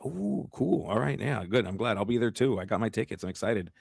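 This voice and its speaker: A man doing lively live commentary on a card game match, chatty and quick to laugh. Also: on the low side, gravelly, slightly rough, dry recording. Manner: excitable, chatty, laughs often. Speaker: caster.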